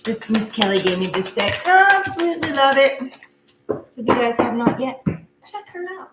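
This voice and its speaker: A woman's voice: on the high side, expressive, normal speed. A woman hosting a live tarot reading, chatting casually with her viewers and laughing often. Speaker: tarot reader. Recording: echoey room with faint noise.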